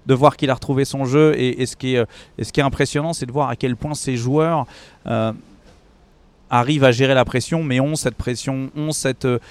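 A male golf pundit with a clean, smooth voice gives his analysis conversationally. He is opinionated and often stumbles into repeated words while forming a thought. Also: medium pitch, steady tone, fairly quick. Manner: opinionated, with stammered repetitions.

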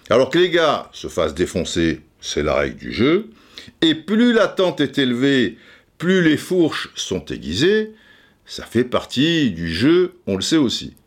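A man talking casually as a commentator, repeating words as he stammers and swearing now and then. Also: a little high. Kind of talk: casual chat.

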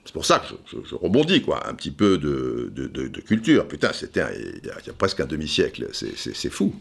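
A man's voice: very deep voice, wildly swooping pitch, brisk, gravelly, a bit bright, slightly rough. A man hosting a playful football history podcast, joking and theatrical, often stammering repeats. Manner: jokey, theatrical, stammering repeats, sings and hums asides. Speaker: podcast host.

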